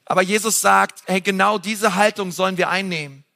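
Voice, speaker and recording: A man preaching a sermon in an animated way, pushing his voice up for emphasis, with fillers between points. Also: sits high, brisk, vocal fry.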